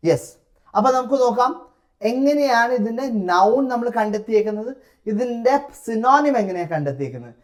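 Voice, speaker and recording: A man's voice: extremely high pitch, animated, fairly quick. Malayali-accented man coaching an English test. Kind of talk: classroom-style lesson.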